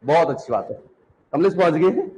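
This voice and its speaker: A man teaching a class, repeating each term slowly so students can write it down, asking questions and answering them himself. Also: fairly high pitch, sing-song, darkish tone, rough recording. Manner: repeats terms for students to copy, asks and answers questions, calls students 'beta'. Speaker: Hindi teacher. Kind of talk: classroom lecture.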